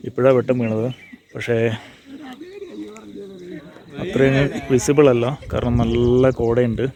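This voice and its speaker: Speaking at a measured pace in a level, medium-pitched voice, a male travel vlogger narrates his actions in Malayalam sprinkled with English. He's outdoors at a hilltop viewpoint before and at dawn, with crowd noise around him.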